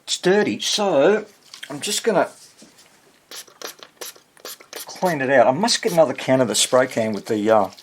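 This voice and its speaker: A man with a mid-range, expressive voice talks a little slowly and pauses often as he restores a vintage radio. His informal commentary is hesitant and self-deprecating, like he's thinking aloud while working. The workshop recording is noisy and full of clicks.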